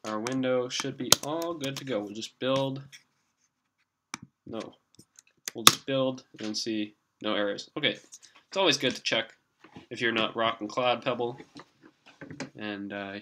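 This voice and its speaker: A young man hosting a coding tutorial in a casual, rambling monotone, with fillers and self-corrections. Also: mid-range voice, very noisy. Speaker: programming tutorial host. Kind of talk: screen-recorded coding tutorial.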